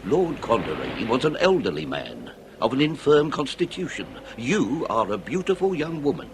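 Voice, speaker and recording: A male actor plays a shrewd, relentless Victorian police inspector in a period radio drama, interrogating in a formal, declamatory, theatrical style. His medium-pitched voice is sing-song at a moderate pace, measured and accusing, with background noise audible.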